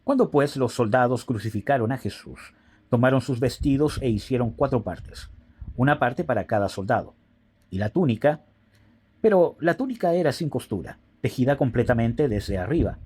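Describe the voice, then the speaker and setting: A man reading scripture aloud in a steady, solemn way. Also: mid-range voice, moderate pace, slightly rough. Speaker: Bible reader.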